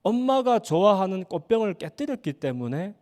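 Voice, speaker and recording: A man voicing a guilty, anxious young boy who broods in a low inner voice, in a reverberant church hall. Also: big pitch swings, normal speed, warm tone. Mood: brooding.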